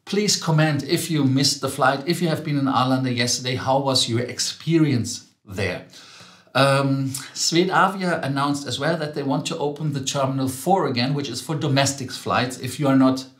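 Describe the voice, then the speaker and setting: A man's voice: medium pitch, normal speed, reverberant. A man with a German accent hosting a travel news show, chatting casually with many ums and self-corrections.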